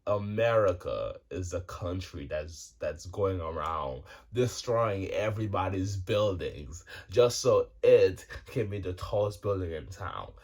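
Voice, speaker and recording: A twenty-something man rambles to camera for his viewers in a relaxed vlog, cursing freely and repeatedly restarting with plenty of fillers. He sounds low-pitched, expressive, and a little mellow, speaking unhurriedly with few pauses.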